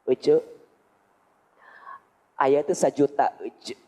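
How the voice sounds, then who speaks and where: A man's voice: mid-range voice, slow, darkish tone, voice pushed down, rough recording. A preacher voicing a woman who pleads with a relative for money, with a Sundanese accent and a wheedling manner. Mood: pleading. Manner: wheedling, repeats the name.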